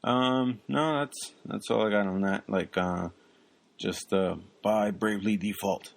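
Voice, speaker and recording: A young man talks casually as a podcast co-host. His voice sits low, and he rambles along, filling pauses with ums and uhs. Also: fairly even intonation, vocal fry. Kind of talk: casual chat.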